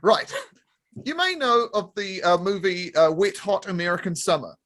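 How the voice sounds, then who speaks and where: A man with a notably high voice, chatting on a comedy panel. He rambles eagerly with plenty of ums and asides, loose and playful. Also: animated, moderate pace, fairly bright tone. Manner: rambling, enthusiastic, lots of fillers. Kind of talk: casual comedic banter.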